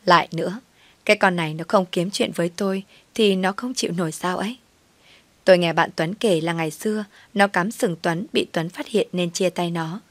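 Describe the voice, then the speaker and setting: A woman's voice: fairly low pitch, normal speed, no echo. A woman narrating a first-person story, with a wry, sardonic inner voice.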